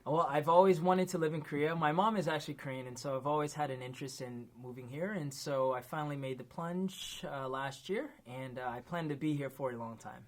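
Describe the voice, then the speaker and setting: A man's voice: fairly high pitch, fairly quick, hardly any pauses. A man from the United States, a guest in a casual chat, talking in an earnest and thoughtful way.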